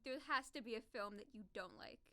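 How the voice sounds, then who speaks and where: A young woman talking as a guest in a relaxed interview, with a slightly high voice. She teases her host with a dry, quick wit. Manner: teasing, deadpan and quick-witted. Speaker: podcast guest. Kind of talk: casual interview.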